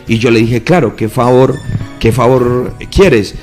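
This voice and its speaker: A man's voice: medium pitch, a little slow, a little mellow, faint music behind. A man, a pastor, tells a testimony with feeling in an interview, acting out the voices he quotes. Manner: earnest storytelling, quoting voices with feeling.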